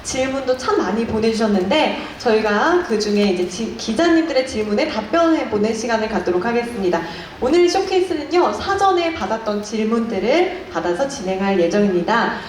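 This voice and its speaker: Female showcase host, formal and articulate, slightly high register, heavy room reverb with faint noise. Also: animated, a little fast, few pauses. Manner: polite, formal, articulate presenter. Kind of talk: polished event hosting. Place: indoor press showcase venue. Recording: very echoey hall, faint noise.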